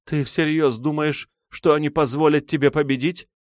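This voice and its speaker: A man reading an audiobook voices a furious, sobbing young noblewoman who lashes out in shrill, hissing outbursts. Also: drawn-out words, dry recording, studio quality. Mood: shaken. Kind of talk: audiobook character voice.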